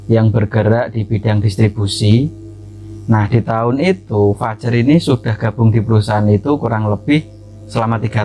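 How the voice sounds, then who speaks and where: A man's voice: fairly low pitch, darkish tone. A man hosting a horror story channel, narrating a submitted story in a chatty, loose way with frequent fillers and asides.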